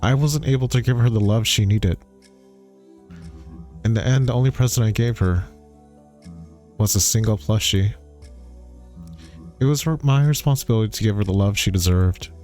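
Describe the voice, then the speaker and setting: A man reading the lines of a grieving ghost father who asks slow, probing questions. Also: on the low side, darkish tone, faint music behind, lightly acted.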